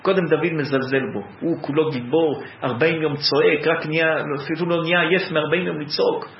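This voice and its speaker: Male preacher, lively storyteller, echoey room with faint background noise. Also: a little high, vocal fry. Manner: animated, preacherly storytelling that builds with repetition. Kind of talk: Torah sermon. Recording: echoey, dull lo-fi room recording.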